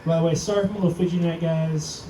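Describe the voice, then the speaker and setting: A young male stand-up comedian with a high voice delivers a rapid-fire set on a comedy club stage, deadpan and self-deprecating, raising his voice when acting out other people. The echoey club sound is roomy and distant, the mic heard from far off, with loud audience noise behind him.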